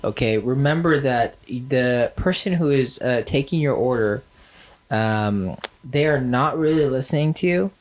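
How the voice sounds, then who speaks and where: Speaking a little slowly in a mid-range, nasal voice, a podcast co-host keeps the conversation casual, leaning on lots of fillers and dry sarcasm.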